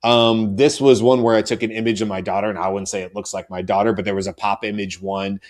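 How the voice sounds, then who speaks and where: A man's voice: fairly low pitch, flat delivery, fast. A middle-aged man co-hosting a panel show, chatting casually with many fillers and restarts. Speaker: co-host.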